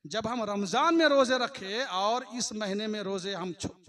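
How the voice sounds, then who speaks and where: A man delivering a Friday sermon, chanting scripture quotes slowly and then explaining them with passion. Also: high voice, fairly bright tone. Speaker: mosque preacher. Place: mosque.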